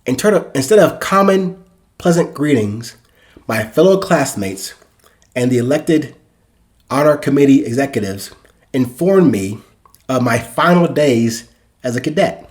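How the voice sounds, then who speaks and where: A man's voice: mid-range voice, lively intonation, measured pace, pauses often. A man in his sixties hosting a podcast, telling a reflective first-person story and acting out the dialogue. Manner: reflective, acts out dialogue in quotes. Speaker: podcast host.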